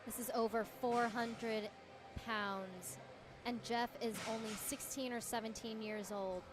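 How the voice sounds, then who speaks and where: A woman's voice: fairly high pitch, fairly even intonation, a little slow. A woman giving casual live sports commentary in a supportive, encouraging way.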